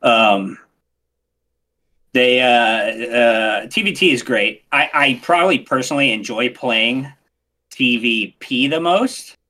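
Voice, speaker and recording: A man chatting casually as a podcast guest, animated and excitable, often restarting his sentences. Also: medium pitch, takes it slowly. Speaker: podcast guest, game streamer. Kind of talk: casual interview chat.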